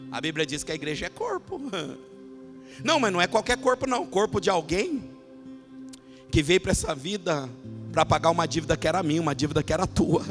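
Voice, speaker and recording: A man preaching a sermon as pastor, telling a personal story and building from quiet narration to shouted, passionate climaxes. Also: a little high.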